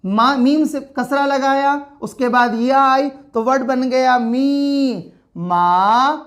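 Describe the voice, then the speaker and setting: A woman teaching an Arabic lesson, explaining slowly and repeating each sound, asking the question back before answering it herself. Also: a little high.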